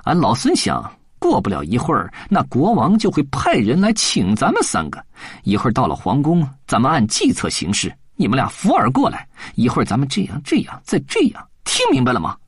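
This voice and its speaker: Cocky monkey king, read by a man; confident, scheming, husky and lively. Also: medium pitch, fairly quick, no room sound, studio quality. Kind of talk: storybook audiobook voice acting.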